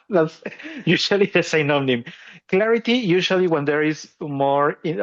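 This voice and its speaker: A man with a fairly high voice hosts a podcast and explains how opera singers use their technique. He chuckles a lot and often restarts his phrases, and the audio sounds lo-fi.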